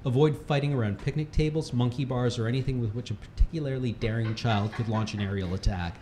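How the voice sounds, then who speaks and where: At a charity livestream, a man with an average male pitch reads a comic how-to article aloud, talking fast in a dark tone with mock-serious, instructional authority. He often breaks into laughter. The room echoes, with faint background noise.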